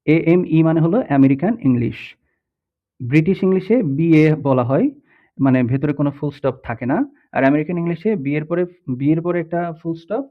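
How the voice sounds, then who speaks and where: Man, Bangladeshi accent, patient step-by-step tutorial explaining, fairly high voice, tinny phone-like audio. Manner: explains step by step, checks often with the listener. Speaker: teacher. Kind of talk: screen-recorded tutorial lesson.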